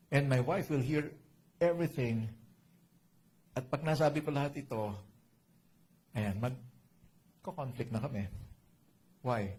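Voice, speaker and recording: Filipino pastor preaching in casual Taglish. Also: male voice, medium pitch, creaky, darkish tone, breathy edge. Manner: Taglish code-switching, conversational, asks "di ba?" often; jokey asides with laughter. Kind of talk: sermon.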